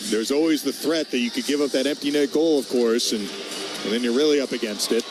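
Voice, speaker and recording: A man calls live hockey play-by-play on the radio, naming players in clipped, short phrases as the action moves. His medium-pitched voice runs a little fast, with music in the background and noisy arena ambience behind him.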